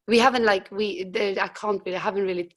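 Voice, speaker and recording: A young woman with a husky voice, a musician guest chatting casually in an interview, hesitant with frequent restarts. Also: medium pitch, steady tone, quick pace.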